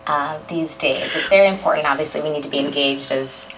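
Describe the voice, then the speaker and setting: A woman interviewer with a very low voice asks gentle, halting questions. The sound is dull and lo-fi, with clear noise and clicks behind her.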